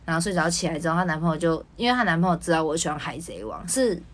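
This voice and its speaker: A woman's voice: on the low side, expressive, rapid-fire. A woman co-hosting a podcast, telling candid stories in a jokey way. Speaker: podcast co-host. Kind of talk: casual chat.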